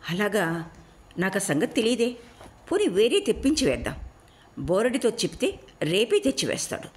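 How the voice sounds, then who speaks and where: A woman voicing a calm, well-meaning elder wife who speaks earnestly in an audiobook. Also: medium pitch, moderate pace, natural voice. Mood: reasonable. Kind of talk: audiobook role reading.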